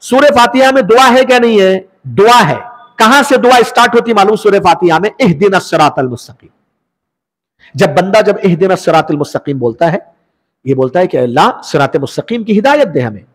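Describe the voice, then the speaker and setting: Guy with a fairly high voice giving an islamic lesson, asks questions then answers em, long echo. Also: expressive, a little fast. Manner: explanatory, asks the audience questions and answers them. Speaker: Islamic teacher. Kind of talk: religious lesson.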